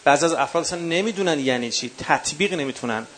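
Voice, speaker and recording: A man's voice: on the high side, expressive, a bit bright. A man with a Qom accent teaching a workshop for eulogy singers. He counts off numbered points and calls his listeners dear ones. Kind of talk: workshop lecture. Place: workshop session with a live audience.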